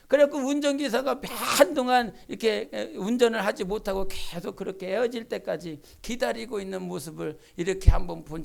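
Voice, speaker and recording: A woman pastor delivers a Sunday sermon in a church, her voice carrying a gravelly edge. She drops to hushed, confiding asides, then climbs into fervent, shouted pleas. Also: a little high. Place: church sanctuary.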